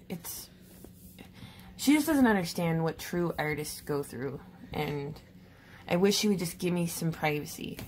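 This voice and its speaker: Woman, comedic art vlog, playful, jokey, addresses viewers, slow delivery, lowish voice. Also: slight background noise. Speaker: art vlogger.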